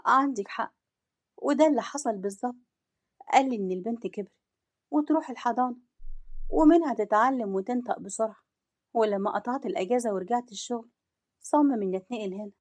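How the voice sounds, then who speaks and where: A young wife in an audio story, wounded and bitter, with an Egyptian accent, as a woman storyteller gives her voice. She pleads and complains in a fairly high tone. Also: quick pace, long pauses, lightly acted. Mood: aggrieved.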